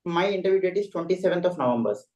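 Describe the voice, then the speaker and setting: A man's voice: high-pitched, expressive, rapid-fire, darkish tone, highs cut off. A young man with an Indian accent, a deferential and hesitant interview candidate speaking formally in a roomy, echoey recording. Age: young adult. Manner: deferential, hesitant, says sir constantly.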